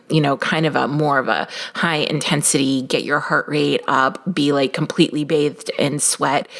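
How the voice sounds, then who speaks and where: A woman hosting her own business podcast, talking in an energetic, straight-talking coaching manner, with a morning voice just after a workout. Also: low voice, gravelly. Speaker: podcast host. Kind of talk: solo business podcast talk.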